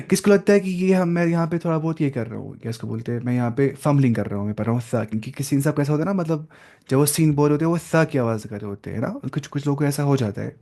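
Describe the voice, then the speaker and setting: A man's voice: a little high, animated, a little mellow. Casual male tajweed teacher. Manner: explains step by step with questions and demonstrations, mixing in English words. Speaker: Quran recitation teacher. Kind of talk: casual classroom lesson.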